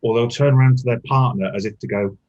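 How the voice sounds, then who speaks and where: A man in casual conversation, telling lively anecdotes and swearing casually. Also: medium pitch, quick pace, dull audio. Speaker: guest. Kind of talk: casual chat. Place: indoors, relaxed group chat.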